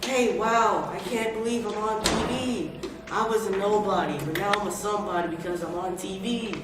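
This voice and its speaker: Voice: medium pitch, animated, normal speed, loud music behind the voice, natural voice. School kid doing dim starstruck news guest who saw the eclipse, far from mic, echoey. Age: young adolescent, about 12 to 13. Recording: noisy, echoey room, distant mic.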